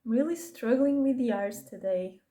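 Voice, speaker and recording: A young Portuguese woman, a beauty vlogger who speaks English as a second language with a Portuguese accent, chats through a get-ready-with-me makeup video. Her voice is slightly high and dark in tone, at a normal speed, and she rambles off on asides and corrects herself as she goes.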